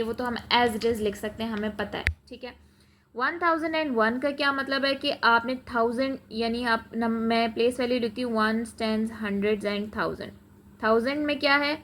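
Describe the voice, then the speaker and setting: A woman's voice: on the high side, moderate pace, fairly bright tone, a little hiss or hum. A woman math teacher, explaining a lesson step by step in a patient classroom manner, mixing English terms in. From Pakistan.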